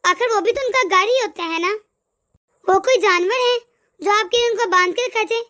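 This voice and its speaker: A woman's voice: very high voice, normal speed. Woman voicing a kind, wise mother-in-law. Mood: gentle advising. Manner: gentle, reasoning, lecturing. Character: kind, wise middle-aged mother-in-law named Shakila.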